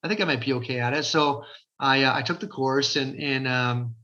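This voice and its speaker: A man in his forties from Ontario, Canada, talking as an interview guest in an energetic, chatty way, with lots of fillers. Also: medium pitch, normal speed. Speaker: guest, realtor. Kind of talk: casual interview talk. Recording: dull lo-fi sound.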